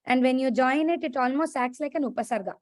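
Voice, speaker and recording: A woman's voice: high-pitched, fast talker, no echo, clean studio sound. A woman with an Indian accent teaching an interactive language class, prompting, correcting and repeating key words. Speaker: Sanskrit teacher. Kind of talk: interactive online lesson.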